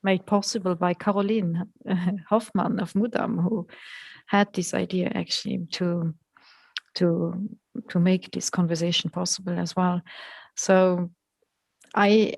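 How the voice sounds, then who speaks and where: Slow, measured woman moderator. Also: fairly low pitch, steady tone, gravelly, darkish tone, no room sound. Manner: halting, thankful, measured. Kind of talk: closing a panel talk. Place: room indoors. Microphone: headset on video call.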